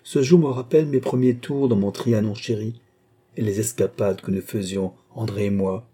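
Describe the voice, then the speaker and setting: A man reading an audiobook who voices a lively, playful young queen with an exuberant manner. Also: moderate pace, husky. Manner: exuberant, raised pitch.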